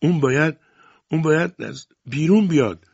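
A man's voice: mid-range voice, slightly rough, no room sound, muffled recording, pitched above the performer's own voice, close to an everyday voice. A man reading an audiobook, voicing a distraught woman who pleads anxiously in a raised voice. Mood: pleading. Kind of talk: audiobook character voice.

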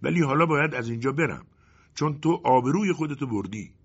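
A man's voice: medium pitch, lively intonation, breathy edge, highs cut off, voice pushed up. A man voicing the shadow of an old colonel, speaking solemnly and reproachfully.

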